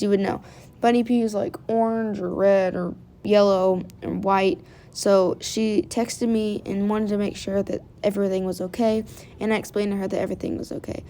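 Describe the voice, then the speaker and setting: A woman's voice: mid-range voice, mellow, a little hiss or hum. Woman with a groggy morning voice. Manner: chatty, repeats words for emphasis. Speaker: pet vlogger. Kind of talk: casual how-to vlog narration.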